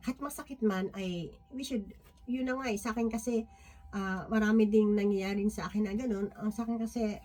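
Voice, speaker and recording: A woman sharing a Bible reflection in an informal devotional talk, often checking in with her listeners through tag questions and pausing with fillers and restarts. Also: medium pitch, dark tone. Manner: halting, many restarts and fillers.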